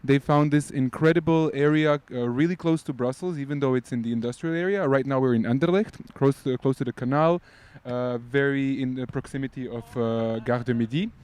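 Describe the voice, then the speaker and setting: A man's voice: medium pitch, steady tone, fairly quick, hardly any pauses, darkish tone, clear, resonant tone. A man guest on a casual podcast, recorded outdoors by beach volleyball courts, explaining at length with many fillers.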